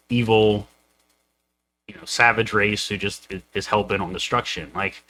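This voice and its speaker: A man's voice: lowish voice, pushed and bright, a little hiss or hum, rough recording. A young man co-hosting a casual podcast chat, rambling with lots of fillers and restarts. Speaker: co-host, game master.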